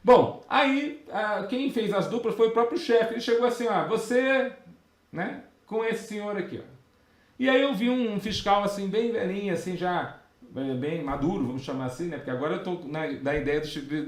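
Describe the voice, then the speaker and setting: A Brazilian man, a tax auditor and teacher, telling a work anecdote and answering viewer questions in a live lesson, with animated asides and many fillers. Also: high voice, a little fast. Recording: roomy echoey sound.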